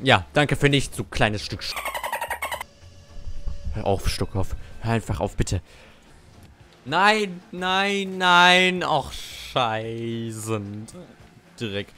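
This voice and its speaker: A man's voice: lowish voice, slow pace, pauses often, a bit bright. A young man giving casual gameplay commentary, cursing and ranting at his teammates. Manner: salty, swears and rants at teammates. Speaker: gamer.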